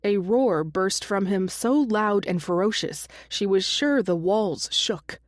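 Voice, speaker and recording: A woman's voice: medium pitch, slow, dry recording, clean studio sound. A woman narrating a romance audiobook, reading every character herself with small shifts in her voice.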